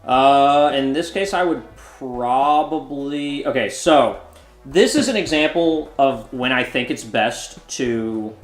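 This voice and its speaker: A man's voice: medium pitch, slow. A man in his twenties streaming a card game, chatting loosely and jokingly with viewers while he plays. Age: 20s. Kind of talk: casual live-stream commentary. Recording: roomy echo, faint music behind.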